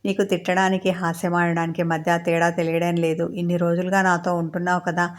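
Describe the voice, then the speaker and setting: A woman's voice: lowish voice, level tone, a little fast, natural voice. A woman voicing a stern, teasing young husband. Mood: firm. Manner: firm and blunt. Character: young man, teasing, stern with his bride.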